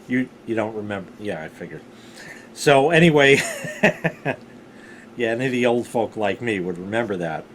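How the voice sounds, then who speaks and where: A middle-aged man telling rambling personal stories casually, with animated, salty emphasis on key words. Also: fairly low pitch, normal speed, pauses often, slight background noise. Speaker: storyteller, vlog host.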